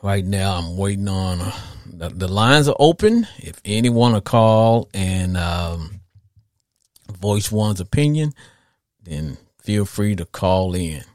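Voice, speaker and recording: Speaking slowly in a low voice with big swings in pitch, a middle-aged man from the southern United States hosts an easygoing sports talk podcast. He rambles in a homespun way and repeats phrases for emphasis, and the studio recording is clean with no room sound.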